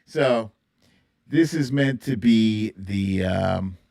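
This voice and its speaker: Speaking extremely slowly in a mid-range, darkish voice with vocal fry, a livestream host runs a relaxed TV theme quiz. They chat playfully, ramble and think aloud, now and then humming or singing the themes.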